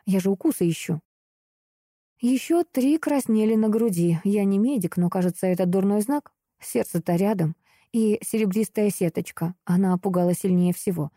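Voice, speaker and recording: A woman reading a first-person novel aloud, with expressive, wry storytelling. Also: medium pitch, moderate pace, no echo, clean studio sound. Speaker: audiobook narrator.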